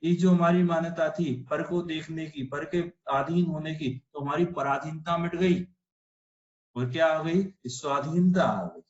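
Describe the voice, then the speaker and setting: A man's voice: a little high, steady tone, measured pace, echoey room, muffled recording. A man teaching an online religious philosophy class, explaining patiently and asking rhetorical questions. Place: online video call class.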